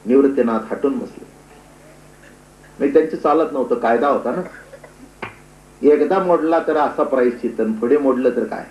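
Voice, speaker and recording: Dramatic gravelly-voiced male preacher. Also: medium pitch, moderate pace, long pauses, reverberant, muffled recording, a little hiss or hum. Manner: dramatic, swings between hushed and loud. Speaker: kirtan preacher. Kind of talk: devotional storytelling sermon.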